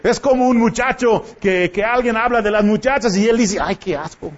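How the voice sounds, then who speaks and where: A man's voice: extremely high pitch, normal speed. A man preaching a sermon to his congregation in a church, pressing them with impassioned rhetorical questions. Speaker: pastor. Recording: dull lo-fi church recording.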